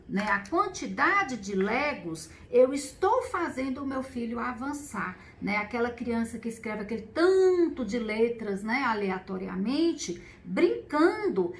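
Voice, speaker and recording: A woman with a Brazilian Portuguese accent and a fairly high voice walks parents through a hands-on learning activity. Her delivery is patient and explanatory, with frequent tag questions. When she demonstrates, she counts things out slowly and stretches the words. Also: a bit bright. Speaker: special education teacher. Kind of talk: instructional video for parents.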